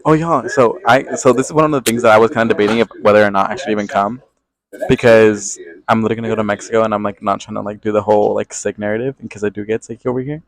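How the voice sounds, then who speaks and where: A man's voice: fairly low pitch, fairly even intonation, rapid-fire, rough recording. A young American man co-hosting a podcast in casual, sassy, slangy chat. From California. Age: young adult. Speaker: podcast co-host. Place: aboard a moving train.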